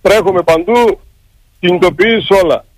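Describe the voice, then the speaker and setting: A sleepless, exhausted union secretary from Crete, speaking in an agitated and pleading way in a live radio interview. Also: male voice, sits high, no echo, low-quality recording.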